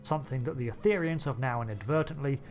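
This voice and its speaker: A man's voice: mid-range voice, quick pace. A man narrating a video game story playthrough in a conversational way, with wry asides. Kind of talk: narrated playthrough with light commentary. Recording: voice over background game music.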